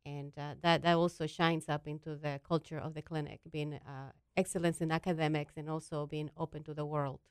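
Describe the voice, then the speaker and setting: A woman's voice: sits low, level tone, a little fast, few pauses, smooth, no room sound. A woman from the Dominican Republic, a doctor explaining things patiently, step by step, as a guest on a talk show. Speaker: endocrinologist guest.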